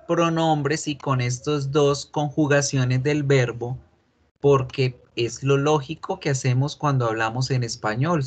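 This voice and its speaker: A man's voice: fairly high pitch, fairly bright tone. A man teaching English in an online class, explaining patiently and repeating examples.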